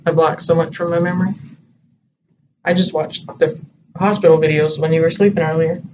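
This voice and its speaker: A man with a slightly high voice chats casually, wandering through his thoughts with plenty of hesitation. He sits a little back from the mic. The recording sounds dull, with a faint hiss underneath. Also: flat delivery, a little fast. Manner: rambling, hesitant, thinking aloud. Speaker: co-host. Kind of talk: casual chat. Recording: distant muffled home recording with light hiss.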